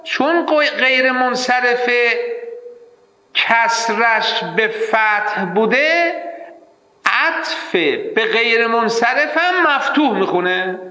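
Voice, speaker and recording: A man teaching Arabic grammar in an animated, emphatic way, mimicking his students' mistaken readings. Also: high voice. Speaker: seminary teacher. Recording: echoey hall, slightly dull sound.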